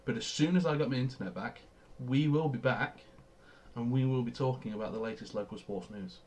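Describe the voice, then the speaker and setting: A man's voice: medium pitch, fairly quick, darkish tone. A young man from Australia co-hosting a casual sports podcast, explaining plays with eager enthusiasm. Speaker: podcast co-host.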